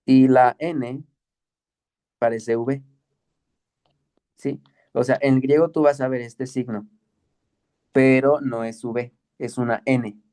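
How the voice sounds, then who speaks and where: Patient male Greek teacher, dark voice. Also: mid-range voice, fairly even intonation. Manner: patient, explains slowly with many checks like "¿ok?" and "¿sí?". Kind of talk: online class lesson.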